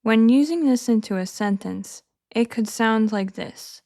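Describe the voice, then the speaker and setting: A woman narrating a scripted English lesson in a clear, measured, encouraging teaching manner. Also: fairly high pitch, a little mellow.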